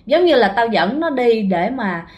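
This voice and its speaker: A woman storyteller voicing a stern old male spirit guide in a gruff, commanding way. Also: fairly high pitch, sing-song, measured pace, darkish tone.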